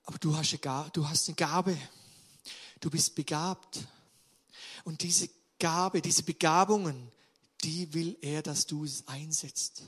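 A man preaching a sermon with emphatic delivery, swinging between loud, drawn-out stresses and quiet asides. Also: fairly high pitch, steady tone, breathy edge. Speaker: pastor.

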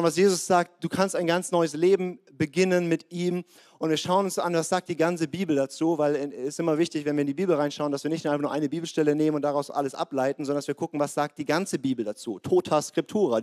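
Lively German-speaking male preacher. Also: a little high, a little fast. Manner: lively, direct address to the congregation. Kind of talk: sermon. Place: church service.

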